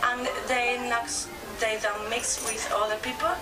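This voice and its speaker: A woman from Spain with a Spanish accent, answering an interview question in English, with many pauses and restarts. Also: a little high, little pitch movement. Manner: hesitant, many fillers and restarts. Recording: distant mic, loud music bed.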